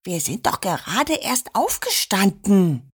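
A woman's voice: medium pitch, sing-song, slow, breathy edge, exaggerated voice. A woman voicing a young girl, astonished and eager.

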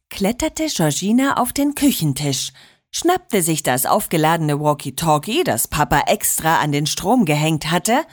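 A woman narrating a children's story in a lively, expressive way. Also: low-pitched.

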